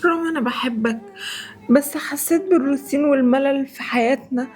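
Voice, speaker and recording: Woman acting as a jealous Egyptian wife, high voice, rapid speech, sarcastic, music under it. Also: a little mellow, close to an everyday voice. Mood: bitter pleading. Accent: Egyptian Arabic. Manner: shrill, sarcastic outbursts. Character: wife Sherry, jealous and dramatic young woman. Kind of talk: comedy sketch acting.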